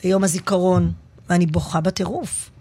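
Animated woman comedian telling stories. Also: fairly low pitch, breathy edge. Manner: animated, expressive storyteller. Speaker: stand-up comedian guest. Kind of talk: casual interview chat.

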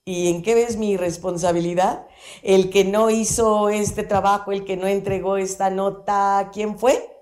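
A woman, talking about psychology on the radio in an animated, playful way with many examples. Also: mid-range voice, unhurried. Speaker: psychology guest on radio show. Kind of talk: conversational radio talk. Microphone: studio microphone.

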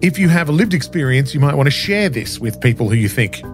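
A man with a hoarse, scratchy voice hosts a podcast in a conversational, narrated style. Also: medium pitch, animated, fast, soft background music. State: hoarse, scratchy voice after flu. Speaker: podcast host.

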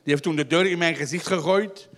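A young Flemish man doing live stand-up comedy in a tent show, teasing front-row audience members with wild, drawn-out shouting. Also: a little high.

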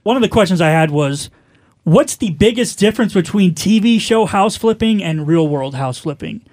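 Male host, high voice, casual questioner, joking tone. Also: animated, normal speed, darkish tone.

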